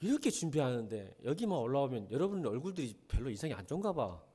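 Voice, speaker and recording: A middle-aged male pastor preaching a blunt sermon, firing rhetorical questions at his congregation and swinging from quiet talk to shouting. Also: mid-range voice, sing-song, fast talker, breathy edge.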